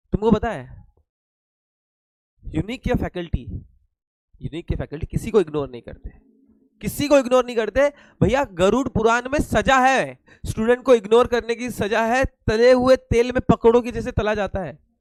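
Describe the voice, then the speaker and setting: A high-voiced young man with an Indian accent gives an online lecture, his throat a little hoarse. He teases his students and fires questions he answers himself. The sound is close and dry, with no room around it. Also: no room sound, rough recording. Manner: joking, asks and answers his own questions. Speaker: teacher.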